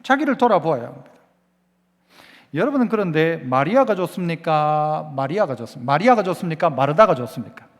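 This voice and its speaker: A male pastor delivers a sermon in a high, lively voice that rises and falls widely. He keeps turning to the congregation with questions and has them repeat lines back. The sound carries the long reverb of a church hall. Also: fairly quick. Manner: preaching with call-and-response questions to the congregation.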